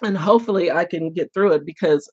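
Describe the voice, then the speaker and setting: A woman's voice: on the low side, quick pace, mellow, husky, highs cut off. An older woman hosting a casual book live stream with a head cold, chatty and laughing often as she greets viewers. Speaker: booktube host.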